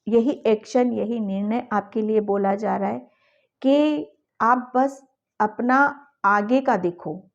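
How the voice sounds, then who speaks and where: A woman reads tarot cards for her viewers in an unhurried, coaxing voice, pitched a little high. She keeps urging them on and checks in after each point. The sound is slightly dull, like a home video recording. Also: darkish tone. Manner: coaxing and encouraging, with a repeated ठीक है at the ends of thoughts. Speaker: tarot reader. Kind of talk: addressing viewers in a tarot reading.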